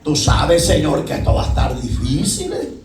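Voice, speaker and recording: A pastor voicing a hesitant, doubting biblical prophet in a sermon retelling, a man pleading softly, his voice dropping well below the preacher's usual high tone. The words come out hushed and unsure. The recording rings in a roomy hall, with the voice caught from some distance. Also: expressive, moderate pace, soft background music, close to an everyday voice. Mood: doubtful.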